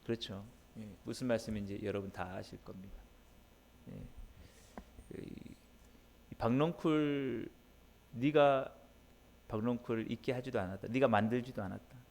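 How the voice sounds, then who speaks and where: A man's voice: on the low side, normal speed, gravelly, pauses often, darkish tone. A man preaching an early-morning sermon as pastor. He speaks emphatically in a conversational way, often turning to address the congregation directly.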